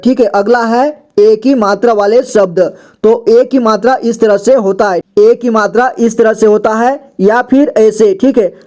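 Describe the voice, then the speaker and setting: A man's voice: sits high, warm tone. A man teaching a Hindi reading lesson, patiently sounding out each word and repeating it twice.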